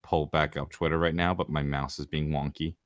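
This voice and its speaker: Young male co-host, extremely deep voice, easygoing, dry close mic. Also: level tone, fairly quick, no echo. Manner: easygoing, with fillers. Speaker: podcast co-host. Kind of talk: casual chat.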